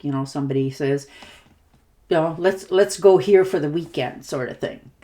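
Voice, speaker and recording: A woman giving a casual tarot reading in a reassuring, chatty way, with many fillers. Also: on the low side. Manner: warm reassuring talk with fillers; hiccuping at times. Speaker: tarot reader.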